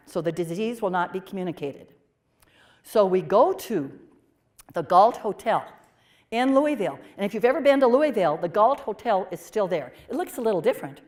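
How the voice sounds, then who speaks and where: A woman portraying a pioneering 1830s nun, telling her story in the first person with expressive swings from emphatic to hushed. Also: mid-range voice, lightly acted. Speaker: performer of a historical portrayal.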